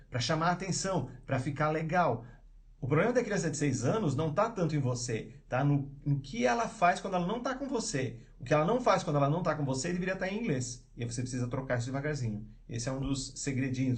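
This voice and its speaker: A man who teaches English, hosting a live stream of parenting advice in casual, rambling talk, full of restarts and tag questions. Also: mid-range voice. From Brazil.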